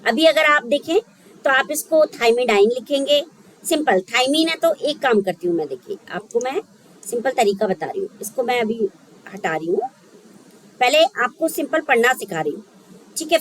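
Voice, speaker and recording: A woman's voice: high-pitched, a little hiss or hum, low-quality recording. A woman teaching a biology lesson for exam preparation, thinking aloud and checking in often with her students. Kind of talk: exam-prep lecture.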